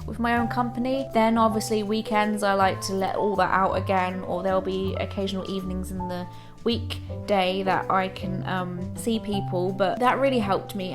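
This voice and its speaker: A British woman in her twenties talking casually and candidly to viewers, like a reflective personal vlog. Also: mid-range voice. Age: 20s. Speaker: vlogger. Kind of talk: casual chat to camera.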